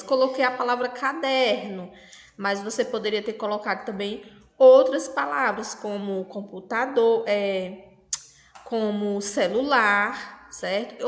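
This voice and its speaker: A woman with a Brazilian Portuguese accent, a primary school teacher slowly and patiently explaining a lesson to children. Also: a little high. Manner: patient, spells out syllables, asks checking questions. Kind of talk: slow remote lesson for children. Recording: echoey room with long reverb.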